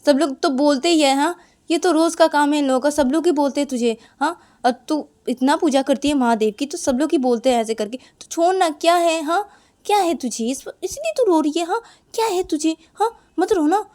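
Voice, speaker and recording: A woman voicing a loud, teasing older sister who scolds and coaxes fondly. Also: sits high, normal speed, voice pushed up, lightly acted. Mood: scolding. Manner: loud, nagging, fond scolding.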